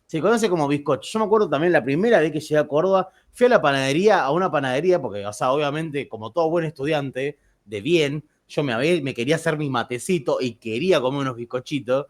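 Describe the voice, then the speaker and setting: A man's voice: fairly high pitch, animated, fast, hardly any pauses. A man with an Argentine Spanish accent, telling joking anecdotes to a class. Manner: chatty, joking, with frequent restarts. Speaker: teacher.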